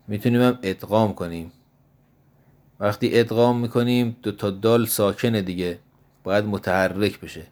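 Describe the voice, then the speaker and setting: Deep-voiced man teaching grammar slowly. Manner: slow, measured, repeats forms one by one. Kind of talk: Arabic grammar lesson, recited drills.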